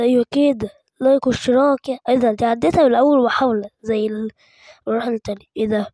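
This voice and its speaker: A woman with an Egyptian accent narrates her gameplay in quick, excitable bursts, repeating short words over and over as she plays. Her voice sits a little high yet sounds mellow and soft-edged. The sound is close and dry, with no room around it. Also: dry recording. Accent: Egyptian Arabic. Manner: excitable, chanting repeated words while playing. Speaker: gaming YouTuber. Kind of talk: let's-play gameplay commentary.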